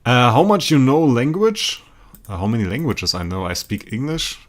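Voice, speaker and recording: A young German gamer streams a game and chats casually with viewers, rambling and repeating himself. He laughs often and breaks into sudden excited outbursts, speaking in a medium-pitched voice at normal speed.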